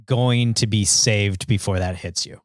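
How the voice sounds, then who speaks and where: An American man co-hosting a podcast in casual chat, thinking aloud in loose, halting phrases. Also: on the low side, fairly even intonation, no echo, clean studio sound. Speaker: podcast co-host.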